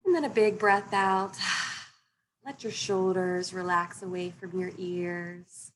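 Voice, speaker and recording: Slow, soothing woman guiding breathing meditation. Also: on the low side, fairly even intonation, a little hiss or hum, poor audio. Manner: soothing, gently instructing. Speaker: meditation coach and panel guest.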